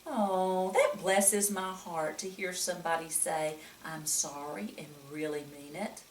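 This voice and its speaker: In a lowish voice and at a measured pace, a woman reads a picture book aloud to young children expressively, exclaiming and often questioning the listener. The recording has a distant mic, echoey room, and a little hiss or hum.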